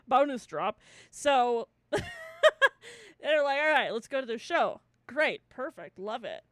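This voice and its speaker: This podcast host has a high-pitched voice and takes things slowly, recorded dry at studio quality. She chats casually and tells lively stories, full of laughter and unrestrained swearing.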